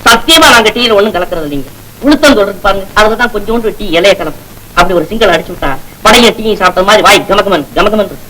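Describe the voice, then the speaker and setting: A man's voice: high voice, lively intonation, fast talker, sharp tone, a little hiss or hum, rough recording. An actor playing a bumbling, talkative male shop worker who rambles and pleads under police questioning, in old film comedy style. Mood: pleading. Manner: rambling, evasive and pleading, comic patter. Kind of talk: 1950s film comedy acting.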